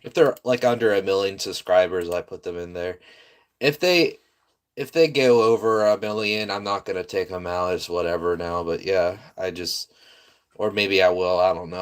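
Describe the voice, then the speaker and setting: Laid-back man reacting, slightly low voice. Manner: incredulous, laughing, rambling with restarts. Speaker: reaction video host. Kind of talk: casual reaction commentary.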